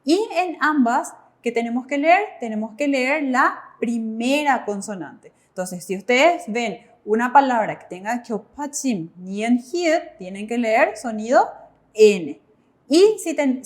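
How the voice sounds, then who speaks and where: A woman teaching Korean, posing questions to the class and answering them herself. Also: sits high. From Paraguay. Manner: clear, asks and answers her own questions. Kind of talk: classroom explanation.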